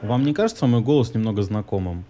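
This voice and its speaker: A man's voice: fairly low pitch, expressive, fast, background noise. A man on a phone call, complaining in an insistent, argumentative way. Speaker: prank-style caller complaining to call centres. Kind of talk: phone conversation. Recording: slightly dull, lo-fi call recording.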